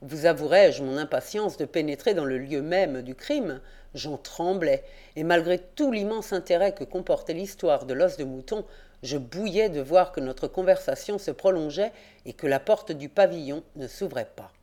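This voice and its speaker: Lady reading an old detective novel out loud, steady, lowish voice. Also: moderate pace. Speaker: audiobook narrator. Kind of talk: scripted literary narration.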